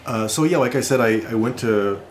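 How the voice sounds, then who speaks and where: A man's voice: medium pitch, a little fast, a little hiss or hum. A man talking casually as an interview guest, reflective and rambling with restarts. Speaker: guest designer. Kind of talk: casual conversation.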